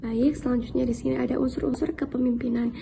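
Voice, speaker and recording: Young female presenter, rapid, gravelly fry, faint background hiss. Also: sits high, little pitch movement. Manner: quick, slightly stumbling reading of points. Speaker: student presenter. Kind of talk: training module presentation.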